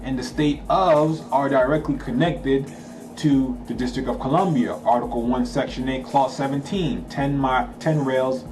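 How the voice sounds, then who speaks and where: A Creole-speaking channel host from Haiti reads a document aloud in a steady, mid-range voice at a moderate pace, with music in the background. Now and then he stops to explain it casually and emphatically, adding slangy asides and checking in with listeners.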